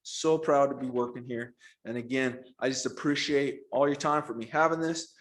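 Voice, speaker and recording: A man's voice: medium pitch, normal speed. A man, a school principal, giving an upbeat presentation at a school board meeting over a video call, often saying "again" and "right?".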